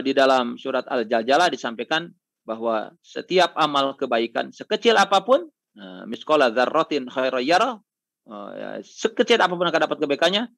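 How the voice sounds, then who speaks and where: A man's voice: on the high side, gravelly, no room sound. A middle-aged man giving an online sermon, telling anecdotes and acting out the voices of the people in them. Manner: acts out pilgrims' dialogue in lively voices, chuckling storyteller. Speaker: preacher.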